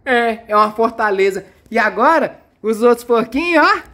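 A woman's voice: a little high, animated, normal speed, a bit bright. A woman with a Brazilian Portuguese accent giving playful, exclamatory commentary as she films her children at play, teasing them and cheering them on.

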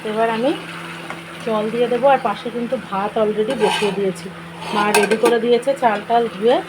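A woman with a hoarse voice from a cold, chatting casually to viewers in a home vlog from her kitchen. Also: fairly high pitch, steady tone, a little fast. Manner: chatty, addresses viewers directly. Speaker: vlogger. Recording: noisy home recording.

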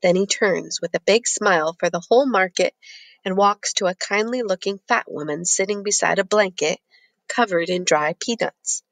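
A woman narrating a first-person novel as an audiobook in a steady, measured reading. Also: medium pitch, no room sound.

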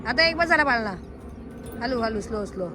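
A woman's voice: a little high, animated, normal speed, background noise. A woman vlogging outdoors with a handheld camera in a park playground, chatting to viewers and coaxing a small child. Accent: Marathi. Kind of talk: casual vlog narration to viewers.

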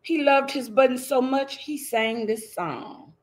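A woman's voice: high-pitched, a little slow, poor audio. A middle-aged woman reading a picture book aloud to young children, teacherly and interactive, checking in with her listeners. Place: indoors in front of a green screen.

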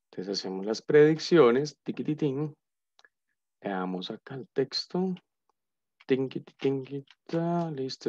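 A man's voice: medium pitch, vocal fry, no echo. A man giving a casual live coding lesson as a university lecturer, thinking aloud and humming as he types. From Colombia. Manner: chatty, thinks aloud, hums nonsense while typing. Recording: dull lo-fi sound, dry.

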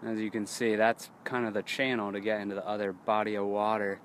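A man's voice: on the low side, little pitch movement, a little fast, a bit bright, slight background noise. A young man talking casually to an action camera outdoors by the water, rambling and hesitant with many ums. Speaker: fishing vlogger. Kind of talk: casual vlog narration. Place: outdoors by a lake and in a boat. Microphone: action camera at arm's length.

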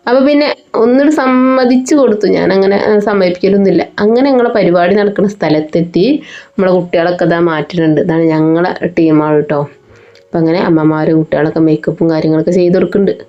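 A woman's voice: fairly low pitch, a little fast. A woman, a mother narrating her family vlog in a chatty, homely way. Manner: chatty, homely storytelling with frequent fillers. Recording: slightly dull lo-fi sound, faint music behind.

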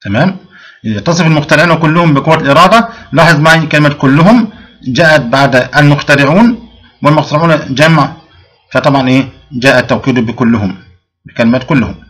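A male grammar teacher with a slightly high, husky, a bit bright voice explains a lesson step by step in an animated way. In this recorded class he asks his pupils questions, answers them himself, restarts sentences often, and draws out his fillers.

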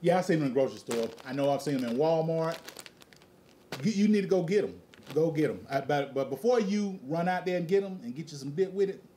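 A man's voice: fairly high pitch, dark tone, a little hiss or hum. Joking man co-hosting a food review. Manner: joking, drawn-out, repeats himself. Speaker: co-host of a food review show. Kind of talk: casual chat.

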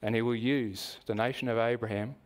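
During a sermon in church, an Australian man asks his congregation questions while explaining things in a measured manner. His voice is mid-range and his tone steady.

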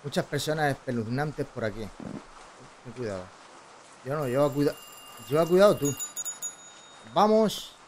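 Chatty Spanish gamer, game ambience behind. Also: male voice, medium pitch, moderate pace, pauses often, a little mellow, slight background noise, poor audio. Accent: Spanish from Spain. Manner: chatty, playful, muttering to himself. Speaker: gaming video host. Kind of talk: casual gameplay commentary, reading dialogue aloud. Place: indoor streaming setup. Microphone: close desk boom microphone.

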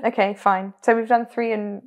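A woman's voice: on the high side, little pitch movement, normal speed. A young woman co-hosting a podcast in casual chat, giggling and cutting herself off mid-sentence as she ranks things. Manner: chatty, giggly, self-interrupting. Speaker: podcast co-host.

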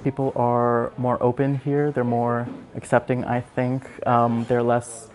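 A man's voice: medium pitch, completely flat delivery, measured pace, a little mellow, slight background noise. A young man from the United States, a student giving short matter-of-fact interview answers indoors. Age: young adult. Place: indoors in a building with large windows.

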